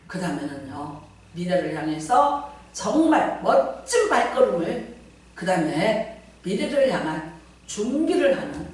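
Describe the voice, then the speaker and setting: A middle-aged woman pastor, preaching a fervent, dramatic sermon that swings from shouts to hushed asides. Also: fairly low pitch. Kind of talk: Pentecostal sermon. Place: large church sanctuary. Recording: very echoey church hall, from far off.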